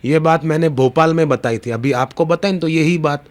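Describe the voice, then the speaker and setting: A middle-aged man giving a devotional sermon, telling stories and drawing out sung verses slowly. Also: fairly high pitch. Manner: slow, drawn-out sung verses between storytelling. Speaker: spiritual preacher. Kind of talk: devotional satsang discourse.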